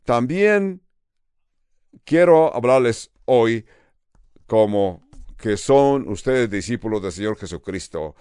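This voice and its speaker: An older pastor with a Californian accent, preaching with earnest steadiness. His voice is smooth and clear, and he takes his time, pausing between phrases. The sound is dry and close, with no room around it. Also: medium pitch, darkish tone, no echo. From United States. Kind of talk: sermon.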